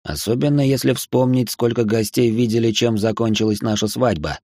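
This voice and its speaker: A man voicing a protective, fiery-tempered dragon-born husband in an audiobook, curt and a little lower-voiced. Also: normal speed, dark tone, no echo, clean studio sound, natural voice. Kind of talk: audiobook character reading.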